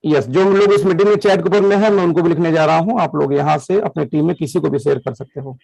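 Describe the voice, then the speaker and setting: Man, high voice, upbeat business presenter, live video call, mixes in English, dry close sound. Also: fast, creaky, darkish tone, no echo, low-quality recording. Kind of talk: live online business meeting. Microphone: computer mic in a video call.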